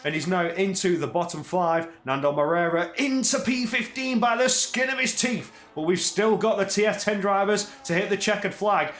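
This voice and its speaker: A man gives energetic solo play-by-play for a live-streamed race, his pitch rising at tense moments. In quieter stretches he drifts into chatty asides. The sound is roomy.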